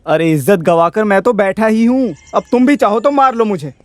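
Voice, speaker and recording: A man's voice: high-pitched, normal speed, darkish tone, dry recording, close to an everyday voice. A man voicing a stubborn, lovestruck old village landlord in a Hindi film dub, talking in an obstinate, self-pitying way. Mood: sulky. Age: older.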